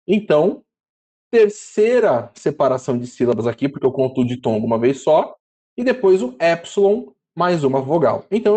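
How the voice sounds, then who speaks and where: A man's voice: high voice, warm tone. Chatty man teaching Greek. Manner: chatty, repeats and spells syllables slowly. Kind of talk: casual teaching lesson.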